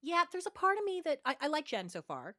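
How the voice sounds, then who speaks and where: A woman's voice: high-pitched, huge pitch swings, fast talker, pushed and bright. A woman co-hosting a casual podcast, blunt and teasing, laughing often. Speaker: podcast co-host. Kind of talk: casual chat.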